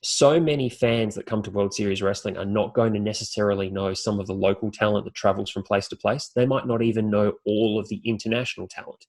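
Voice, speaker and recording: A fast-talking Australian man with a fairly low, darkish voice keeps a steady tone and barely pauses. Appearing as a podcast guest and announcer in interview talk, he lays out articulate explanations point by point in lists.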